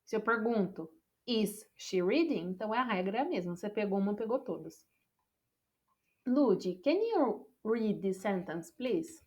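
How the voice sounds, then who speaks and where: A woman's voice: mid-range voice, lively intonation, unhurried, darkish tone. A woman with a Brazilian Portuguese accent, teaching an English class online on a video call and explaining patiently. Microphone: computer microphone on a video call.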